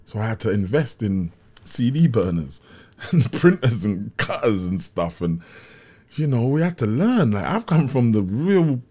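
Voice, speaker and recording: A man's voice: medium pitch, big pitch swings, unhurried, warm tone. South London man telling street stories. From Brixton, south London. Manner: street slang, frequent checking tags. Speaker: interview guest. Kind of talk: casual conversational storytelling.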